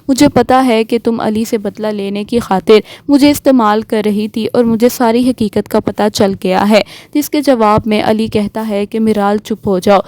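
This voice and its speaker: A woman hosting a drama review channel, retelling an episode's plot in a steady, flowing storytelling manner. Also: a little high, no room sound.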